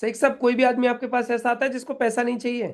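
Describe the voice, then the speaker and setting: A man's voice: very high voice, level tone, quick pace. A middle-aged man leading a live training session in a meeting room, instructing the group and quizzing them with questions.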